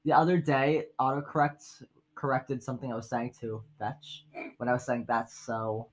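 Jokey podcast host, laughing a lot. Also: male voice, mid-range voice, little pitch movement, moderate pace, a little hiss or hum, rough recording. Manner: jokey, laughs often, talks while eating. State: hiccups. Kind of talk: casual chat.

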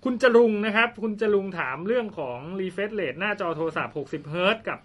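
A man co-hosting a casual tech question show, reading out listener questions with quick, lively, joking asides. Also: high voice, lo-fi sound.

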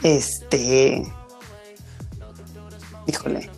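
A woman's voice: extremely low pitch, steady tone, very slow, warm tone, faint music behind. A woman in her thirties with a Mexican accent, chatting casually about motherhood with many fillers. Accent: Mexican Spanish. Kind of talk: casual chat.

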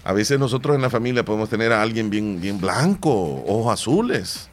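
Low-voiced Salvadoran man hosting morning radio. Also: animated, moderate pace, soft background music. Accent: Salvadoran Spanish. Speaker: radio morning show host. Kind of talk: reading news and casual chat.

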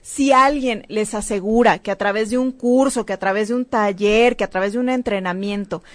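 A woman's voice: medium pitch, moderate pace, no room sound. A woman who teaches about happiness, explaining in an emphatic, instructive way on a talk show. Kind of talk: casual talk-show conversation.

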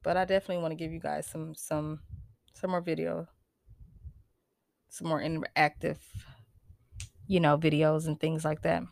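A woman's voice: low voice, little pitch movement, moderate pace, creaky, long pauses, dry recording, studio quality. Congested American woman, emphatic podcast host. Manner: emphatic, preachy, laughs often. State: stuffy, congested. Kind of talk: casual solo podcast talk.

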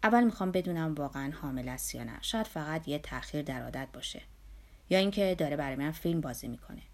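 A woman reading the lines of an anxious, desperate male musician in an audiobook, hurried and pleading. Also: sits low, animated.

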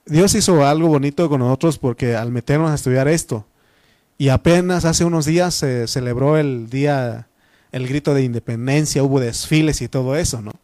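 A man's voice: mid-range voice, normal speed, dark tone, no echo. A Mexican man preaching a Bible study sermon in a teaching manner, repeating phrases and using frequent fillers. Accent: Mexican Spanish.

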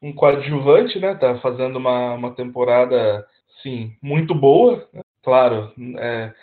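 A man co-hosting a casual sports podcast, halting and repeating words, with sarcastic remarks. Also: medium pitch. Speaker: podcast co-host. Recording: tinny phone-like line.

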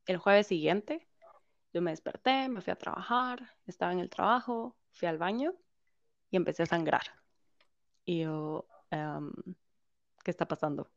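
Woman, interview guest, animated storyteller who quotes others; dry, slightly muffled recording. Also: lowish voice, measured pace, creaky, dry recording. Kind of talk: personal story in conversation.

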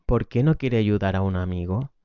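A man's voice: on the low side, moderate pace, clear, resonant tone, dry recording, pitched below the performer's own voice, close to an everyday voice. A man reading the lines of a persistent, formal lawyer who keeps pressing for a statement, on a dull lo-fi recording. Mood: insistent. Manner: formal, insistent.

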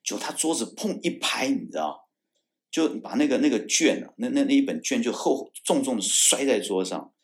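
A man's voice: medium pitch, moderate pace. A man from Taiwan, a former military judge advocate, tells a story in a casual interview. He acts out the dialogue he quotes, often restarts his words and repeats them. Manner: animated storyteller who acts out quoted dialogue, shouting the angry lines.

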